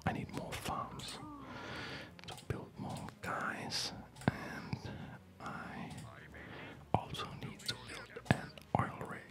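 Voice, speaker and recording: A man hosting a video whispers ASMR commentary over a game. His soft, breathy whisper rambles along, hesitant and unhurried.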